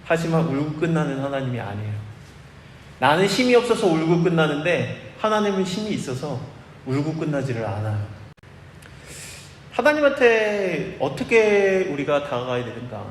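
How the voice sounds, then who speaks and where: A male preacher with a high, lively voice that leaps up and down as he acts out the people in his story. He is heard delivering a sermon live in a church sanctuary. The sound rings with long reverb and a faint hiss behind it. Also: normal speed. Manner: animated, acts out quoted dialogue. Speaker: pastor. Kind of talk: expository sermon. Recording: echoey hall, live church recording.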